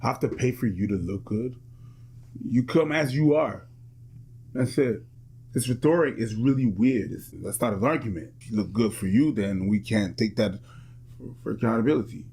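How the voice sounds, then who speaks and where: A man's voice: lowish voice, moderate pace, dark tone, slightly rough. A man arguing bluntly on a podcast panel, dismissive of the other side. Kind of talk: podcast debate.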